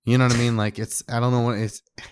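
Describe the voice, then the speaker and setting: A man's voice: mid-range voice, level tone, rapid-fire, clean tone, no echo, clean studio sound. A man co-hosting a podcast in casual chat, sheepish and self-deprecating. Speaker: podcast co-host.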